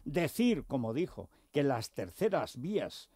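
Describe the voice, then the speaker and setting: A man's voice: medium pitch, big pitch swings, a little slow, dark tone, slightly rough, dry recording, clean studio sound. A man hosting a radio panel discussion, reading quotes aloud in a sardonic, mocking way. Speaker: radio talk show host. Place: radio studio. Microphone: studio microphone.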